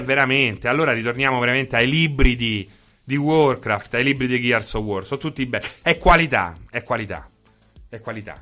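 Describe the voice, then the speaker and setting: A man's voice: medium pitch, pushed and bright. A man streaming and ranting in a casual, emphatic way, repeating himself and swearing freely. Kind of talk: casual livestream rant.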